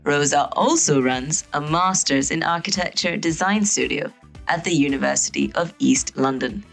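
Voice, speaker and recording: Low, gravelly-voiced woman podcast host. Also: normal speed, faint music behind. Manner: warmly enthusiastic, with many ums and uhs. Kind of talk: podcast interview hosting. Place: indoor venue in London.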